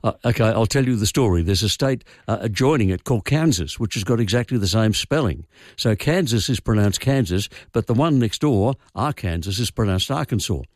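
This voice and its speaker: Speaking briskly and expressively in a lowish register, this older Australian is a language expert calling in to radio. He gives wry, opinionated accounts of where words come from. The studio mic yields a dry sound with no echo.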